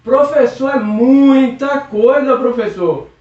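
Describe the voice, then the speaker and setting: A man's voice: extremely high pitch, slow, a little mellow. A Brazilian man voicing a confused young student who questions the teacher in a recorded lesson. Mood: pleading. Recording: echoey room, distant muffled mic.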